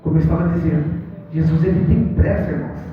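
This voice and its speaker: A man's voice: on the high side, quick pace. A man preaching a sermon, telling a story and addressing the congregation as brothers, recorded from far off in a church hall. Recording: distant, echoey hall, phone-like.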